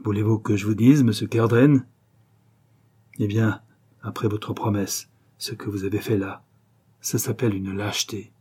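A man's voice: lowish voice, steady tone, normal speed, long pauses, mellow, breathy edge. Man voicing a bitter wounded ex-convict. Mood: contemptuous. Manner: bitter, reproachful, restrained.

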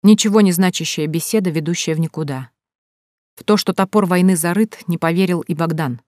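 A woman reading a novel aloud in a steady, even narrative style, recorded dry and close. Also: on the low side, a little fast, no room sound. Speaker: audiobook narrator.

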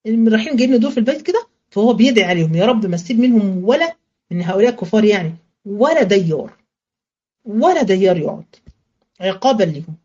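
A woman teacher with an Egyptian accent giving a religious studies lesson in colloquial Arabic, asking questions and answering them herself, and slowing to a chant when she recites verses. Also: mid-range voice, lively intonation, warm tone, highs cut off.

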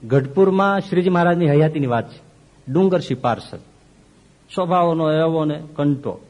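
A man preaching a devotional sermon, telling a story, swinging between loud emphasis and soft low asides. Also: lively intonation, normal speed. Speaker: swami preacher.

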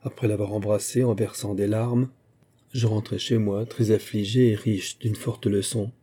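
A man narrating a first-person memoir as a literary audiobook, in a measured, even storytelling manner. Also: lowish voice, breathy edge.

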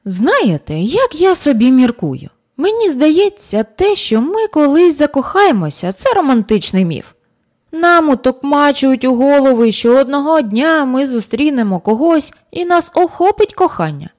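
A woman's voice: sits high, big pitch swings, moderate pace, darkish tone, voice pushed up. Woman reading as an eager young man. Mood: musing. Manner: earnest, questioning. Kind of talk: audiobook character reading.

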